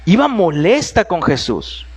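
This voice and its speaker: A male preacher delivers a sermon in a church in a high, unhurried voice with a breathy edge. He is animated and tells stories, adding humorous asides and addressing his listeners directly.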